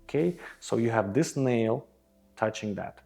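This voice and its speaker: A man's voice: mid-range voice, animated, measured pace, vocal fry, warm tone, faint music behind. Reassuring male breathwork instructor. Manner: reassuring, instructional, often checking with "okay?". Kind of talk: guided group breathwork instruction.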